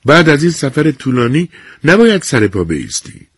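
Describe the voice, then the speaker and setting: A man voicing a brisk, impatient nurse who asks curt, firm questions in a raised voice. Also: fairly high pitch, big pitch swings, slightly rough, no room sound, studio quality, voice pushed up, full character voice.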